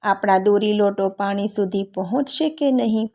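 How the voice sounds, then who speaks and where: Woman reading a sneaky gambler husband sweet-talking his wife, warm mellow voice, folk story. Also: mid-range voice, normal speed, close to an everyday voice. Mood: coaxing. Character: scheming greedy husband, gambler.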